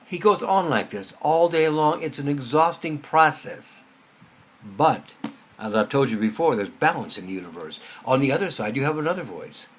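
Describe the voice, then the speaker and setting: A man's voice: medium pitch, moderate pace. A man, a rabbi, giving a spoken lesson in a conversational, storytelling manner. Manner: animated, conversational teaching.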